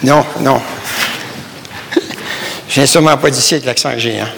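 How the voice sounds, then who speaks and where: Québécois pastor preaching emphatically. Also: male voice, medium pitch, moderate pace, vocal fry, a bit bright, long reverb tail, slight background noise. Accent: Québécois French. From Canada. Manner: emphatic, repeats phrases, addresses listeners as brothers and sisters. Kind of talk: sermon.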